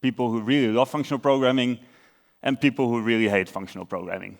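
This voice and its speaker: A young Dutch-accented man from the Netherlands gives a conference talk, explaining things in a relaxed way with filler "uhs" and self-corrections. He talks fast at a medium pitch with a creaky quality.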